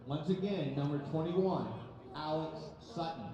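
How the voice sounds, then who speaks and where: A man making formal public address announcements, heard through the stadium loudspeakers. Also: on the high side, crowd noise. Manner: measured, formal announcing cadence. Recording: echoey ballpark PA from far off, dull.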